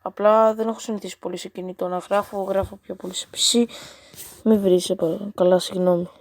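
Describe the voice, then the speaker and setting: A female gaming host chats casually as she reads a chatbot's answers aloud, playful and teasing with exasperated asides. Her voice sits at an ordinary middle pitch. The sound is dry and close, with no room around it. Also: flat delivery, a little mellow, no echo. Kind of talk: casual chat while reading out a chatbot's replies.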